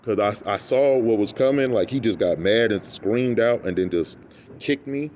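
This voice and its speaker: A man's voice: on the low side, normal speed, a little hiss or hum. A man on a rambling, comedic rant, telling stories in a loose, tangential way, repeating himself and acting out what people say. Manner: animated storytelling that acts out quoted remarks.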